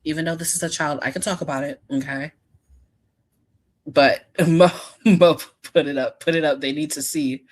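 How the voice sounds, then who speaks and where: A woman with a notably low voice co-hosts a live reaction stream. She teases and presses her points, often turning to address the chat directly. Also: moderate pace. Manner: teasing, emphatic, talks to chat. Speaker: co-host.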